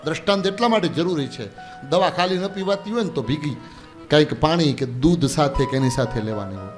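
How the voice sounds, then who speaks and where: Man, katha sermon, slightly high voice, clear background music. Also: a little fast. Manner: storytelling with lively voiced dialogue. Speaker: religious storyteller. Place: spiritual gathering.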